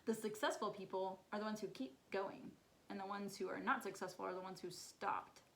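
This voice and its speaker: A woman's voice: medium pitch, fairly even intonation, a little fast, gravelly, slight background noise, poor audio. Upbeat woman co-hosting a chat. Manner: upbeat, laughs often, quotes others in bright voices. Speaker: podcast co-host. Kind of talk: casual chat.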